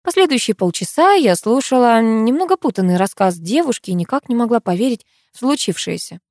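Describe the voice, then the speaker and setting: A woman reading a first-person story aloud, with an expressive, emotional delivery. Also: a little high, a little fast, dry recording, studio quality. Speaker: narrator. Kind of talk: first-person audiobook narration.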